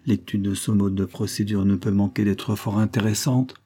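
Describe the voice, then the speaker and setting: A seasoned old male attorney speaks with mocking self-assurance, voiced by a male narrator. The voice is low, dark and slightly husky. It is heard as part of a storybook reading. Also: fairly even intonation, moderate pace.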